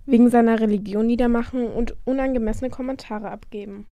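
Woman as a polite schoolteacher, fairly high voice. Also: fairly even intonation, quick pace, dark tone, dry recording, lightly acted. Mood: apologetic, hesitant. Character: concerned, hesitant female schoolteacher, dutiful and polite. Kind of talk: amateur scripted audio drama.

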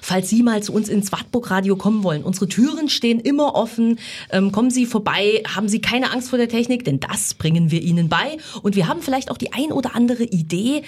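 Slightly husky woman on radio. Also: a little high, animated, brisk, darkish tone. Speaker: community radio presenter. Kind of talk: casual radio chat.

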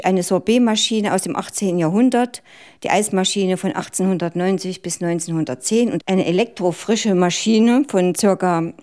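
A woman's voice: medium pitch, a little mellow. A woman hosting a radio program, asking friendly, curious questions and then giving a short spoken recap. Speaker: radio host. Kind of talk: radio interview and closing narration.

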